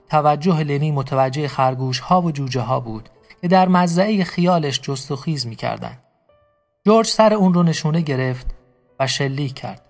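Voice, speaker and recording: A man tells a dramatic story in a fairly high voice, addressing his listeners directly. Faint music plays underneath his narration.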